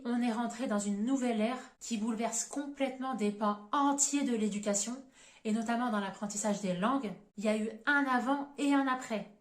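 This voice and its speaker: A woman giving a video lesson as an exam coach, methodically counting off advantages and drawbacks one by one. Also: on the high side. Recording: echoey room.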